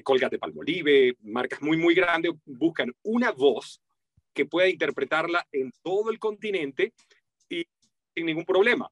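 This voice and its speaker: A man with a Venezuelan accent, a voice-over artist talking animatedly in an interview and acting out the voices he quotes. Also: dry recording. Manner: animated, acts out quoted voices with big pitch jumps. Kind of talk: casual interview talk.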